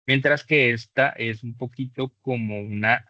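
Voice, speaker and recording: A man teaching a beginner English class, explaining patiently and slowing down to model English examples. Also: medium pitch, bright, forceful tone, dry recording. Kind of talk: online class lesson. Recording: dull dry lo-fi mic.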